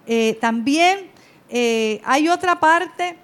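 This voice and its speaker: A high-pitched, middle-aged woman gives a talk on raising children. She speaks conversationally from her slides, often tagging her points with a questioning "¿verdad?". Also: lively intonation, drawn-out words, a bit bright. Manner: presents from slides. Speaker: parenting educator. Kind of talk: talk on parenting.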